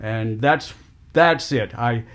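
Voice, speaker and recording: A middle-aged man talking with family, halting and often repeating words as he restarts his sentences. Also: medium pitch, a little hiss or hum. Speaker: family caregiver on a call. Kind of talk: emotional family phone conversation.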